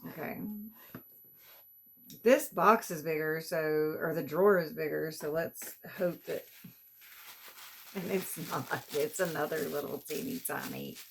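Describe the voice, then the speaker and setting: A woman's voice: sits low, measured pace, gravelly, pauses often, a little hiss or hum. A woman vlogger, chatting casually through an unboxing, exasperated and complaining as she goes. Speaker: beauty vlogger.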